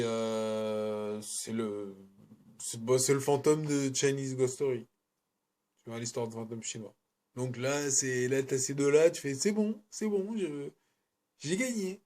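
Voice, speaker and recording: A man's voice: medium pitch, slow, darkish tone. Rambling casual male film reviewer. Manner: rambling, self-correcting, colloquial.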